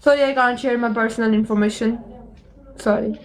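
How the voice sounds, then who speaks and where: A woman from Pakistan answers in short, polite phrases over a video chat. Her voice sits a little high. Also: steady tone, a little fast, low-quality recording. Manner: polite, brief replies. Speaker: live-chat stranger.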